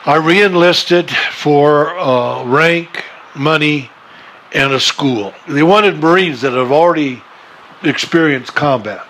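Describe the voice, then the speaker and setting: Older American male veteran, 70s, plain-spoken and halting, remembering for an interview. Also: fairly high pitch, fairly bright tone, low-quality recording. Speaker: retired Marine veteran interviewee. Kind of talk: interview recollection.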